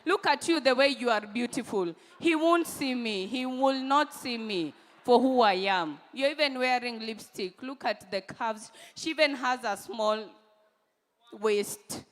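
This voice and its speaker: A woman's voice: fairly high pitch, measured pace, long reverb tail. A woman in her twenties with a Kenyan accent doing stand-up comedy, teasing the audience and repeating lines for emphasis. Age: 20s.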